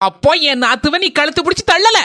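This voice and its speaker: A blunt angry daughter-in-law. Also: female voice, high-pitched, expressive, fast talker, sharp tone. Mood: sarcastic. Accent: Kanyakumari Tamil. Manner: blunt, threatening, sarcastic. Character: sharp-tongued young daughter-in-law, quick to anger. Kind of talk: cartoon voice acting.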